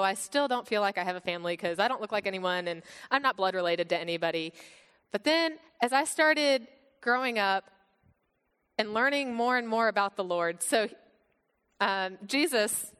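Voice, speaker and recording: Young woman, bright and crisp voice, chatty testimony, long hall reverb. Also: mid-range voice. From Bulgaria. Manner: upbeat, chatty, many fillers. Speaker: youth speaker. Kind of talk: testimony to a youth group.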